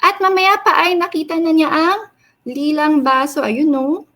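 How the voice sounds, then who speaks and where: A young woman, reading a children's story aloud in an expressive sing-song way and asking the kids questions. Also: sits high, measured pace.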